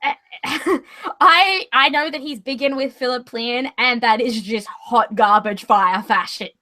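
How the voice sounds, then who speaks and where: A young woman co-hosting a podcast with a notably high voice. She rambles through lots of fillers and giggles through casual banter. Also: measured pace, bright, forceful tone. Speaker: podcast co-host. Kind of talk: casual chat.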